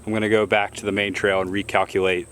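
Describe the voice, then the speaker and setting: A man narrating a casual solo exploring vlog, talking straight to his viewers in short, deliberate phrases. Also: on the low side, flat delivery, a bit bright, a little hiss or hum. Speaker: solo explorer filming a cave tour for viewers. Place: on a forest trail and in a small cave.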